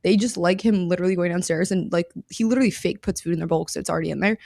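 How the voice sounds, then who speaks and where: A woman's voice: lowish voice, creaky, darkish tone, dry recording, studio quality. A woman hosting her own podcast, talking casually and upbeat as she teaches, repeating phrases for emphasis. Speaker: podcast host. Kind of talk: casual instructional podcast talk.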